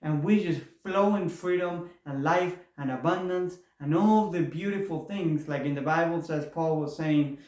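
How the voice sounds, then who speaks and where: Man, slightly high voice, earnest spiritual vlogger, echoey room. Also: moderate pace, hardly any pauses, a little mellow. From Argentina. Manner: earnest, repetitive, with rising enthusiasm. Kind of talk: motivational spiritual talk.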